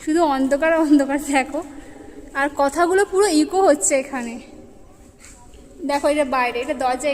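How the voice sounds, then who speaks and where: A woman vlogging on her phone inside a dark stone tomb, chatting to viewers, her voice echoing off the walls. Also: high-pitched, a little hiss or hum. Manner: chatty, keeps urging viewers to look. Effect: strong echo from the stone chamber. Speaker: travel vlogger. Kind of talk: casual walking tour to camera. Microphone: handheld phone.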